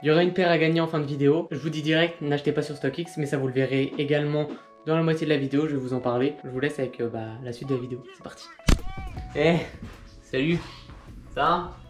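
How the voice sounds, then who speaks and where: A young man in his twenties, his voice on the high side, keeps a steady tone and quick pace as he rambles through a casual sneaker vlog, cracking self-mocking jokes. He's in an indoor room where a machine runs, and the echoey recording picks up its noise along with soft music.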